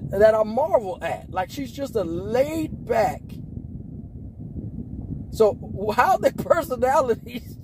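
A man in his forties from Las Vegas who talks like a preacher in a relaxed way. He uses slang, laughs often, and sometimes breaks into emphatic shouts. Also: high-pitched, noisy background. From Las Vegas, Nevada, US. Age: 40s. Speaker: preacher and podcast host. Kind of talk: casual preaching talk.

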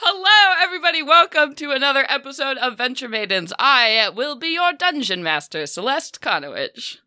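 Woman, dungeon master, highish bright voice, dry recording, excitable, giggly, rambling casual chat. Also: fairly quick, clean tone, dry recording.

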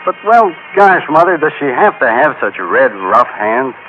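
An actor playing a reluctant young grown son in a 1940s radio ad sketch. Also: male voice, medium pitch, sing-song, unhurried, bright, forceful tone. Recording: muffled old radio broadcast, faint hiss.

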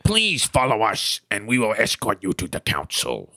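A man voicing a stern armored male dragon guarding a gate, speaking slowly and formally. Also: lowish voice, huge pitch swings, pushed and bright, dry recording, studio quality, heavily acted. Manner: formal, slow and commanding.

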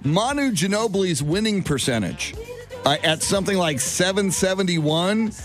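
A man co-hosting a sports talk show, casual and halting, repeating words as he reasons. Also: high voice, expressive, faint music behind. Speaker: sports radio co-host.

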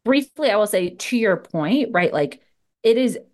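Woman coach chatting on a podcast, mid pitch, animated, acts out little inner voices. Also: normal speed. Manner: lively, talks in acted-out inner dialogue. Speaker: career coach, podcast guest. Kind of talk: casual podcast interview.

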